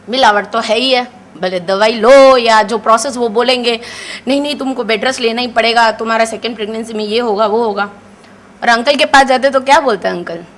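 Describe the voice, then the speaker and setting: A woman in her thirties telling a lively personal story and acting out the dialogue, with English phrases mixed in. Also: high voice, slight background noise. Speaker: session participant sharing a testimonial.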